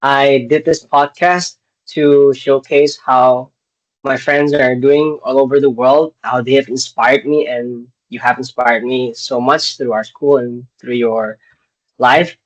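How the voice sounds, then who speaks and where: A man's voice: medium pitch, fairly even intonation, slow pace. A man from Indonesia hosting a podcast interview over a video call, hesitant and full of filler words. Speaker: podcast host. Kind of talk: casual interview. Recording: dull lo-fi video call audio.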